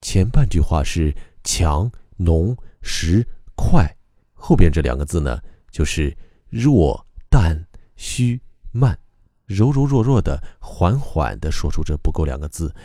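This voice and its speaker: A man teaching how to recite a poem, explaining calmly and methodically with frequent pauses. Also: low-pitched, no room sound, clean studio sound. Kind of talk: explanatory lesson on reading poetry aloud.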